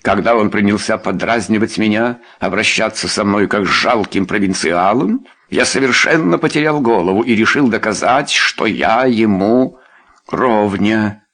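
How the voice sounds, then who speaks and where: A man doing a pompous, guilty gentleman. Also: lowish voice, normal speed. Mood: rueful. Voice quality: pompous, then mumbling.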